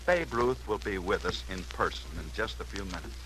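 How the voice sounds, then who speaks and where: A man hosting a 1940s radio sports newsreel, telling a story in a dramatic style with sudden swoops and pauses. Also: deep voice, a bit bright, poor audio. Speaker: radio sports show host.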